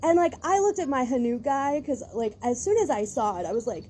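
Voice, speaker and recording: A woman's voice: high-pitched, sing-song, fairly quick, mellow, slight background noise. A woman vlogger in a casual rant, talking in a rambling, exasperated way with many restarts.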